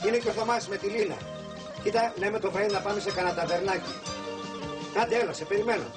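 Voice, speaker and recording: An actor playing a chummy, preachy leftist office colleague in an old comedy film. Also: male voice, sits high, music in the background, natural voice. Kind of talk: 1980s film comedy acting.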